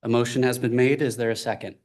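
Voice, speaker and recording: A man chairing a city commission meeting, speaking haltingly with many fillers. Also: medium pitch, steady tone, a little mellow.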